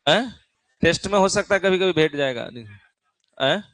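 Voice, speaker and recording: A man's voice: sits high, moderate pace, a bit bright, dry recording. A male physics teacher, lecturing a class in a chatty way, teasing students and often checking that they follow. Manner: keeps asking the class "theek hai na?".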